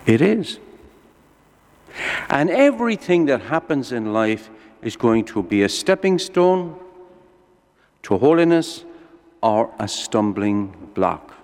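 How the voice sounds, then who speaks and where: A man's voice: medium pitch, sing-song, slow, darkish tone. A man preaching a sermon like a lilting storyteller, putting rhetorical questions to his listeners and telling everyday examples. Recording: echoey hall with long reverb.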